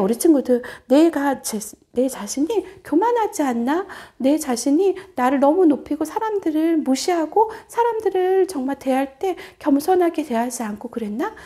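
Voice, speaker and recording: Animated woman preaching to children. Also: high voice. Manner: animated, addresses children with questions. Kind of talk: children's sermon storytelling.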